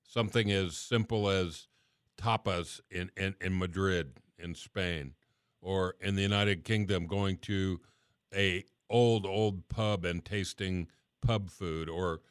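A middle-aged man hosting a radio talk show, chatting casually and letting his phrases trail off softly. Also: low-pitched, fairly even intonation, slow pace, clear, resonant tone, no echo, studio quality.

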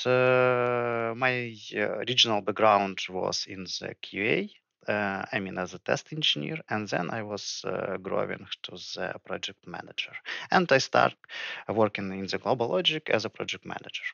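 A man's voice: lowish voice, lively intonation, measured pace, creaky, pushed and bright, no echo. A man introducing himself in a podcast interview, hesitant and full of fillers. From Ukraine. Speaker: senior project manager. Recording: dry, dull lo-fi mic.

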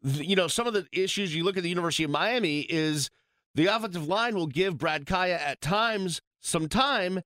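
A man's voice: high-pitched, no room sound, studio quality. A man from Boston co-hosting a sports radio show in a casual, emphatic way. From Boston, USA. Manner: animated, emphatic, quick asides. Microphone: studio microphone.

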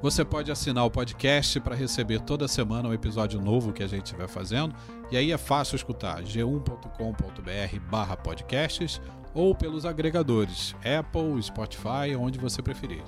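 A man's voice: mid-range voice, normal speed, music in the background. A man co-hosting a podcast, chatting in a playful, joking way. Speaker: podcast co-host. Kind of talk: casual podcast discussion.

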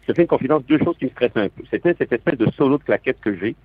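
A man's voice: medium pitch, expressive, very fast, dry recording. A man from southern France with a Quebec French accent, a stage actor talking as a radio guest over the phone, hesitant and reflective with many restarts. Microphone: telephone. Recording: tinny phone line.

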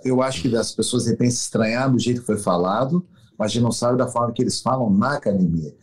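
A middle-aged man talks quickly and bluntly about coaching fighters. His voice sits at an ordinary pitch, and he drops into other people's voices to make his point. It is a loose, emphatic interview manner. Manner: emphatic, blunt, acts out quotes. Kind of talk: casual interview talk.

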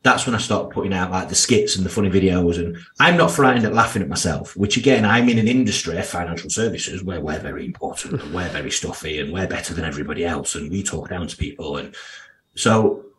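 A podcast guest in his thirties who works in financial services speaks with a strong Yorkshire accent. His low-pitched voice carries a fairly bright tone as he talks candidly in a blunt, down-to-earth, slangy way.

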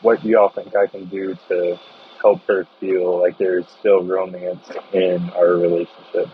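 A man's voice: low-pitched, flat delivery, a little slow. A young man leaving a voicemail message as a caller, speaking earnestly and a little hesitantly. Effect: played voicemail message. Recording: dull lo-fi voicemail with faint noise.

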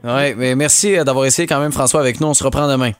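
A man's voice: medium pitch, fairly even intonation, fast talker, clear, resonant tone, no room sound, clean studio sound. A young man with a Quebec French accent hosting a live radio game show, easygoing and self-mocking as he reads questions and phone numbers. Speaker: radio host.

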